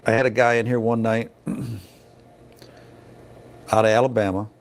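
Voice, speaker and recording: A man's voice: on the low side, little pitch movement, moderate pace. Middle-aged man, truck scale inspector, folksy casual storytelling, chatty asides. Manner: folksy, chatty, peppered with "you know" asides.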